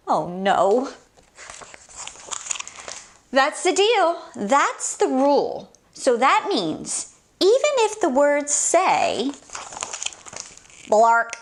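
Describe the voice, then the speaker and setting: Hosting children's story time, a high-voiced woman gives an animated picture book read-aloud full of playful, theatrical, over-the-top reactions. There's a little hiss or hum in the recording.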